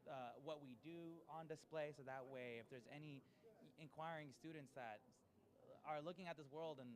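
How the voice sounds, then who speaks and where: A man co-hosting a live show, chatting playfully and thanking colleagues with quick, stumbling talk. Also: on the high side. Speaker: co-host. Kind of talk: casual chat.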